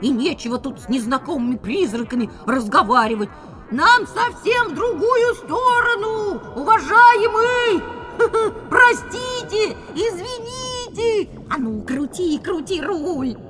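A woman playing an excitable, superstitious, folksy chatterbox who boasts but scares easily, exclaiming fussily in a children's audio drama. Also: high voice, moderate pace, hardly any pauses, over music. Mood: fussy, alarmed. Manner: colloquial, exclaiming, fussy.

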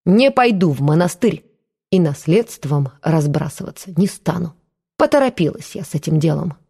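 Shrewd old village aunt, blunt and mocking, low voice, read by a woman narrator. Audiobook. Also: lively intonation, normal speed, dark tone, slightly rough, heavily acted. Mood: stubborn.

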